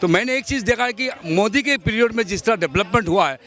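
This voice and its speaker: A man's voice: high-pitched, lively intonation, quick pace, a bit bright. A man in his fifties from Assam, arguing his views insistently in a street interview outdoors. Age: 50s. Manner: argumentative, insistent, lecturing.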